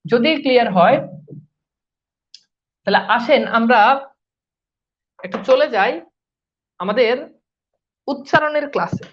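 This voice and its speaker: A woman's voice: a little high, expressive, slow pace, long pauses. A woman teacher giving a live online class, asking questions and answering them herself and repeating key points. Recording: dull lo-fi sound.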